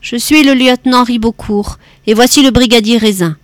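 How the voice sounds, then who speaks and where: A woman voicing a young female police lieutenant, calm and polite as she asks measured questions in an audiobook. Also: a little high, no room sound, clean studio sound, lightly acted. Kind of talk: audiobook character voice.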